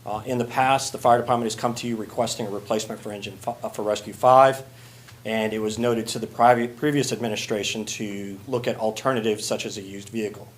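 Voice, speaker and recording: Low-voiced fire chief addressing council. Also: male voice, fairly even intonation. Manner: plain, halting with many "uh" fillers. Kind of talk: formal council presentation.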